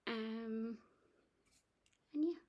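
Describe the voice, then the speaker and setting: A woman's voice: fairly high pitch, drawn-out words, a little mellow. A woman chatting casually about her cross-stitch projects, rambling with lots of ums and restarts. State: has the hiccups. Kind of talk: casual chat.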